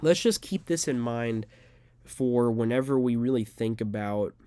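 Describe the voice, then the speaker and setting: A man's voice: mid-range voice, unhurried, warm tone, smooth, dry recording. A young man, an amateur fighter, talking straight to camera in an unedited, rambling monologue full of filler words. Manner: rambling, earnest, filler-heavy.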